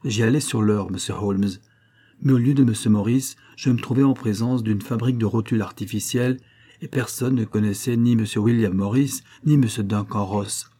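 A man's voice: lowish voice, normal speed, dark tone, breathy edge. A man reading an audiobook, voicing an indignant middle-aged red-haired pawnbroker telling his story. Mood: aggrieved.

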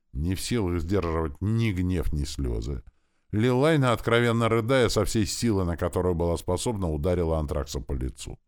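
Deep-voiced male audiobook narrator. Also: dark tone. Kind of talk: scripted narration.

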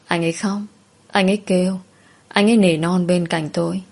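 A woman narrating a first-person audio story in a soft, sorrowful storytelling manner. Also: on the low side, fairly even intonation, normal speed, vocal fry.

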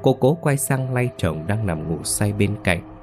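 A man tells a scripted horror story. He paces it in a measured, ominous way over faint background music. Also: on the low side, lively intonation, warm tone.

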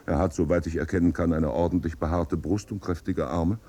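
An actor playing a worldly, ironic gentleman in a 1950s radio drama, with a dry, wry manner. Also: low-pitched, steady tone, brisk, slightly rough.

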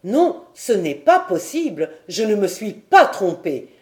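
A woman's voice: mid-range voice, sing-song, measured pace, reverberant. A woman doing a bewildered old sailor. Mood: insistent.

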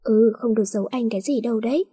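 A woman's voice: a little high, fast, warm tone, breathy edge. A woman voicing a teasing, possessive young husband in a storybook reading.

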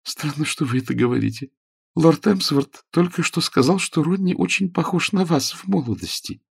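Young woman in love, earnest and soft, a male narrator putting her on, pitched high, lively. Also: moderate pace, creaky, husky, no echo, clean studio sound, full character voice. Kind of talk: audiobook character voice.

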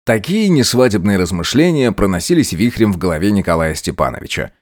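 Expressive male audiobook narrator. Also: on the low side, dry recording, clean studio sound. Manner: measured, expressive reading. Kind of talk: scripted narration of a crime story.

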